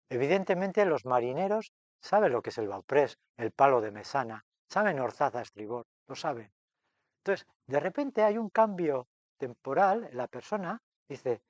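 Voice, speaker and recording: A middle-aged man giving a lively literature lesson to a class, acting out quoted lines with a raised voice. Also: on the high side, dry recording, dull audio. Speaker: literature workshop teacher.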